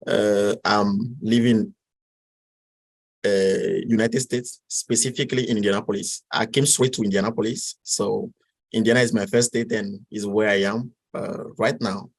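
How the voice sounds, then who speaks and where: This interview guest is a twentysomething man from Togo speaking with a Togolese French accent. His fairly low voice holds a steady tone as he answers haltingly, full of fillers and restarts. The audio quality is poor.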